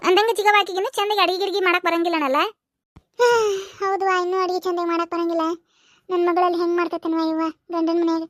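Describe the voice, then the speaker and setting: A woman's voice: extremely high pitch, steady tone, no room sound. A woman with a North Karnataka accent, voicing chatty village characters for a cartoon comedy. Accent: North Karnataka Kannada. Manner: quick, chatty village banter. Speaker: cartoon voice artist.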